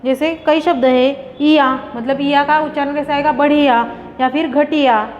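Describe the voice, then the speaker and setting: A woman teaching a grammar lesson to a class, explaining slowly and repeating each example word. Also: high voice, steady tone, a little hiss or hum. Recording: dull lo-fi sound with long reverb.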